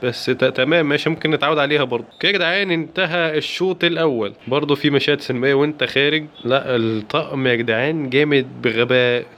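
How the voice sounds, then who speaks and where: A man with an Egyptian accent giving excited, playful commentary while playing a football video game. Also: medium pitch, fast talker, few pauses, slight background noise. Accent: Egyptian Arabic. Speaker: gaming YouTuber. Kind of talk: live gameplay commentary.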